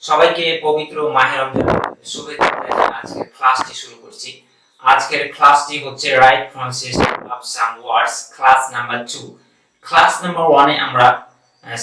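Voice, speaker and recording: A man with a Bangladeshi accent teaching an online English pronunciation class. He says each word slowly several times and then gives its meaning. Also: medium pitch, expressive, heavy reverb, distant mic, background noise. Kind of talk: online language lesson.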